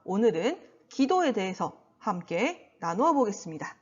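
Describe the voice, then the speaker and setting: Female children's preacher, highly animated theme-park-presenter delivery, sing-song, slightly muffled recording. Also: normal speed, husky. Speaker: children's Sunday school preacher. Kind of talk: children's sermon.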